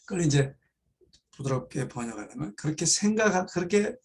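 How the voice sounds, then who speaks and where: A man teaching a Bible study, reading English phrases slowly and explaining them, repeating key words for emphasis. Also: on the high side, lively intonation. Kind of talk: explaining an English text line by line.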